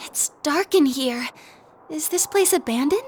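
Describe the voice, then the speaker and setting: A woman's voice: high voice, expressive, a little slow, slight background noise. Shy teenage schoolgirl. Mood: anxious. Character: shy gentle teenage schoolgirl, polite junior. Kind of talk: video game voice acting. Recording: game audio with background music.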